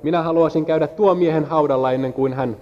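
A man with a slightly high, steady voice interprets a sermon line by line in a church hall, following the preacher's rise and fall with small slips and restarts. The sound is muffled and the hall reverberant.

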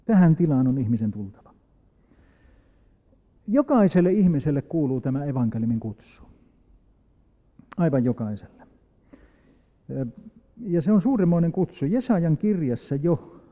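Finnish-speaking preacher in an echoing hall. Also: male voice, mid-range voice. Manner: emphatic, rising to loud appeals, slow reading of scripture. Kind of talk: sermon. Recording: dull lo-fi recording with long hall reverb.

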